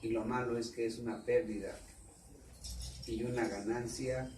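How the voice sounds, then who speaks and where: A man with a Mexican Spanish accent preaching a sermon, repeating himself and asking the congregation rhetorical questions, at times suddenly loud. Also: medium pitch, fairly even intonation, moderate pace. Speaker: pastor. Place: church. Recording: echoey room, distant mic, faint background noise.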